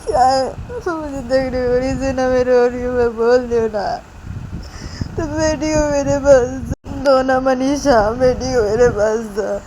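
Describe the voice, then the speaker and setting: A woman's voice: high-pitched, fairly even intonation, unhurried, dark tone, slight background noise, pitched above the performer's own voice, low-quality recording. A woman voicing a young woman who sobs and wails in distress, demanding her baby, in a spoken storybook. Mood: sobbing. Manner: tearful, wailing, complaining.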